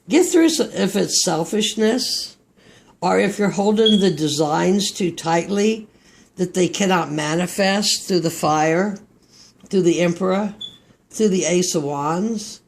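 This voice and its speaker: A man with a Texas accent and a gravelly voice that sits high gives a tarot card reading. As a tarot reader, his delivery is slow, meandering, and reflective.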